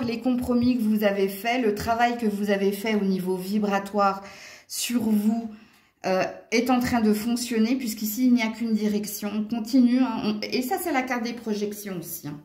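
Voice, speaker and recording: This Franche-Comté speaker's voice is on the high side and darkish, with fairly even intonation and normal speed. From home near a window, she gives a casual card reading covering tarot and astrology, chatting away with exclamations and "hein" tags. The room gives off a noticeable echo.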